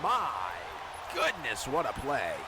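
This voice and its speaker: Male sports commentator for football play-by-play: slow-paced, widely varied pitch, emphatic broadcast delivery. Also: sing-song. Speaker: play-by-play commentator of a football video game league stream. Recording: clear background noise.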